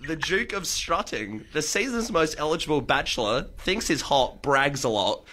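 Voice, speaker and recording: A man's voice: a little high, big pitch swings, moderate pace, sharp tone. A young Australian man, a radio co-host, telling stories in casual, jokey banter. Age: young adult. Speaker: radio breakfast show co-host.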